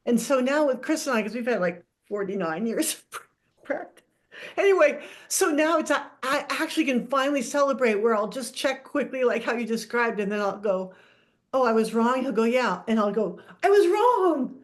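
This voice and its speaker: A woman's voice: fairly high pitch, a little fast. An older woman in a casual book club discussion, speaking candidly and swearing freely.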